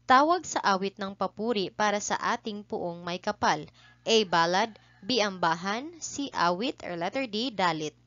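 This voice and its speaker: A woman's voice: medium pitch, lively intonation, unhurried, fairly bright tone, no echo. Filipino woman teacher reading answers, dull dry audio. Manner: repeats each answer twice, polite. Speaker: teacher running an exam review. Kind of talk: reading quiz questions aloud.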